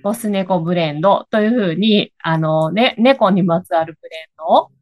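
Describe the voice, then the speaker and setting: A woman's voice: lowish voice, moderate pace, lo-fi sound. A woman from Osaka with an Osaka accent, explaining things casually in a hesitant way with small self-corrections. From Higashiosaka, Osaka, Japan. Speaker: guest, coffee bean shop owner. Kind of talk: casual interview conversation. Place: at home, on a video call.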